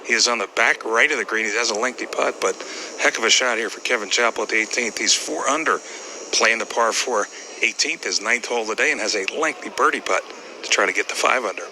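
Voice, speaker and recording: A man's voice: fairly low pitch, quick pace. A man working as a golf commentator, reporting play shot by shot from outdoors. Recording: faintly noisy outdoor broadcast.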